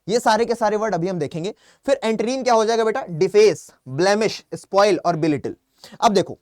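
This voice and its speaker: A young man teaches an online English vocabulary class in a chatty Hindi-accented voice that sits high. He keeps asking his own questions and answering them, and calls his students "beta". The sound is dry and close. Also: no room sound. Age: young adult. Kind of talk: online exam-prep class.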